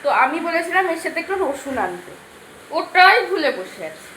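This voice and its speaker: Young woman, home cooking vlogger, bright high voice, faint room noise. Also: big pitch swings, moderate pace. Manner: chatty, talks straight to viewers, softly at times. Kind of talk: casual cooking vlog chat. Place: home balcony and kitchen.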